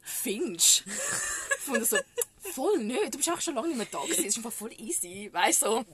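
A woman with a Swiss German accent, co-hosting a podcast and telling a story in casual chat, animated and often laughing. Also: a little high, moderate pace, noisy background. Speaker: podcast co-host.

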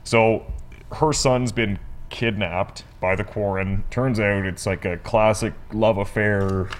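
A man's voice: on the low side, fairly even intonation. A man co-hosting a review show, casually recapping an episode and briefly acting out lines the characters say. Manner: rambling recap with quick acted-out quotes. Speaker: podcast co-host reviewing a TV episode.

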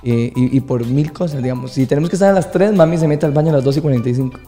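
A man's voice: mid-range voice, racing, faint music behind. A man in his twenties chatting casually on a podcast, telling stories and laughing often. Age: 20s. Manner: laughs often, animated storytelling. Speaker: podcast co-host. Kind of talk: casual chat.

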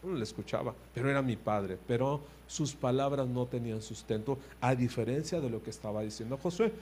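A man preaching a sermon, animated, swinging between loud emphasis and quiet asides and putting direct questions to his listeners. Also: medium pitch, a little fast, slight background noise.

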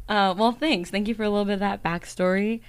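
A woman's voice: medium pitch, smooth. A woman hosting a podcast, upbeat and chatty, who laughs easily as she interviews a guest. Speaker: podcast host.

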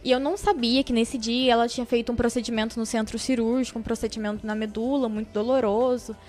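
Young adult woman, podcast guest; lively, heartfelt storyteller, slightly high pitch. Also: fast talker, faint music behind. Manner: animated, emotional storyteller who acts out quoted voices.

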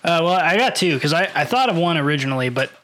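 Man, quick talker, bright tone, dry quips, podcast chat. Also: a little high, lively intonation. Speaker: podcast co-host. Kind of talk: casual chat.

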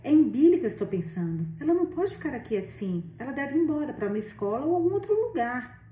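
A woman reading the lines of a worried, insistent older aunt, a little higher than her narration. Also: big pitch swings, fast talker, warm tone. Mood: pleading. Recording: roomy echo, distant mic.

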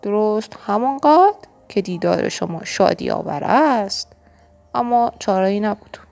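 A woman voicing a weary, loving shepherd father in a children's audiobook, speaking gently and patiently. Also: mid-range voice, animated, creaky. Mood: gentle patient. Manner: gentle, patient storybook delivery.

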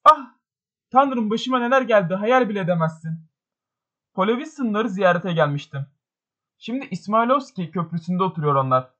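Bir adam, telaşla gevezelik eden genç bir sosyete hanımını seslendiriyor. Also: male voice, high voice, big pitch swings, fairly quick, fairly bright tone, full character voice. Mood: flustered. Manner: breathless, chattering excuses. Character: flustered young society lady.

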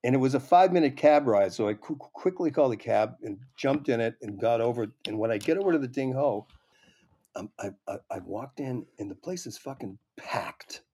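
A man's voice: mid-range voice, lively intonation, brisk, mellow, husky. A man, a comedy writer, guesting on an interview show and telling rambling, profane stories full of restarts. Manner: rambling, swears often, many restarts. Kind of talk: casual anecdote telling.

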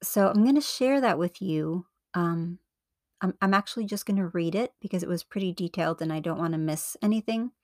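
A woman's voice: on the low side, a little fast, a little mellow, no room sound. A woman podcast host speaking close and intimately, right up at the mic, in an earnest, encouraging devotional style. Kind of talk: devotional podcast talk and reading.

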